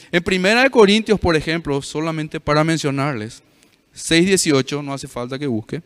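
Man, pastor, fairly high voice, long hall reverb. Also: a bit bright, clean tone. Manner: storytelling with frequent "¿verdad?" asides to the audience. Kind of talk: sermon to a youth meeting.

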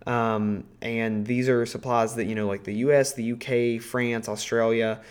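A man's voice: medium pitch, flat delivery, normal speed, clear, resonant tone. A man in a medium register talks through history on his podcast. He is loose and casual, full of ums, self-corrections and the odd curse word. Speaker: podcast host.

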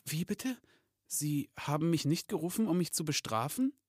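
A man's voice: fairly high pitch, lively intonation, moderate pace, darkish tone, no room sound, studio quality, voice pushed up, close to an everyday voice. A man voicing a timid young male Christmas elf who hesitates and stammers, reading a storybook aloud. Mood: nervous. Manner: hesitant, stammering, slightly raised voice.

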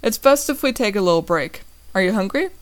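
A woman's voice: medium pitch, lively intonation, fairly quick, natural voice. A woman voicing a friendly, joking teenage boy with magic powers in a read-aloud story. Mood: cheerful.

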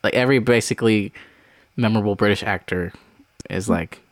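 A man's voice: on the low side, brisk, dry recording, studio quality. A man in his twenties co-hosting a casual movie podcast, rambling with lots of fillers while reading out film facts. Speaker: podcast co-host. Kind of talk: casual chat.

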